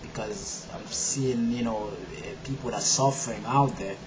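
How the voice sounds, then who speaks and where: Speaking in a mid-range voice over background noise, a man from Haiti with a Haitian accent tells viewers his faith story in a personal video blog. His delivery wanders and leans heavily on "you know," beginning quietly and hesitantly and building to loud emphasis.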